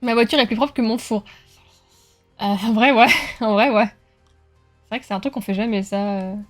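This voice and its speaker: A woman with a high voice hosts a livestream from home, joking with viewers and cheering the racers on. Faint game music plays beneath her. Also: fairly even intonation, moderate pace. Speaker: streamer. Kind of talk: live-stream chat with viewers while racing.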